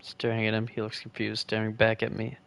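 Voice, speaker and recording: A man's voice: lowish voice, monotone, fairly quick, gravelly, a bit bright. A man reading as a nervous, curious young guy. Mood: anxious.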